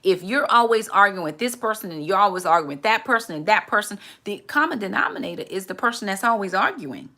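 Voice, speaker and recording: A woman's voice: mid-range voice, lively intonation, fast, hardly any pauses, sharp tone. A woman in her forties hosting a candid, reflective faith talk, earnest and often repeating words as she gathers her thoughts. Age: 40s.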